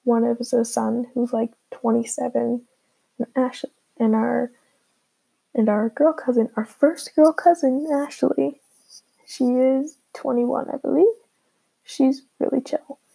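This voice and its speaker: A teenage girl chatting casually and hesitantly as a beginner solo podcast host, with lots of filler words, recorded on a low-quality earbud microphone. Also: little pitch movement, measured pace, gravelly, mellow, slightly rough. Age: teenager, fifteen. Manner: informal, hesitant, heavy filler "like".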